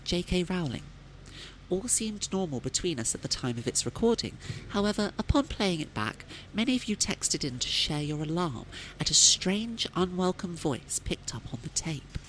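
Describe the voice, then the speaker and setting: An animated voice with faint noise behind it , acted by a woman. She is a polite, gushing female radio presenter in a comedy parody, sweeping up and down as she talks. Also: lowish voice, poor audio.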